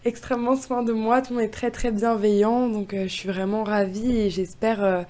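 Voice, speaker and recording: A woman's voice: a little high, steady tone, moderate pace, darkish tone. A young woman from France, a poet guest answering interview questions eagerly with many hesitations. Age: young adult.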